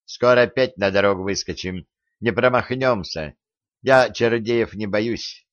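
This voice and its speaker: Guy doing a bratty teenage boy, sharp-tongued and quarrelsome, dry dull audiobook recording. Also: fairly low pitch, measured pace, dry recording, lightly acted. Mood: haughty. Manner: haughty, quarrelsome, raising his voice.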